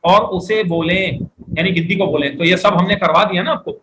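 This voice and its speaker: Male classroom teacher with a high, bright voice. Explains step by step and quizzes the room. Faint background noise. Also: poor audio. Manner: explains step by step, often asks the class questions; reads Arabic phrases slowly for students to repeat. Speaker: Arabic teacher. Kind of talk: classroom lecture.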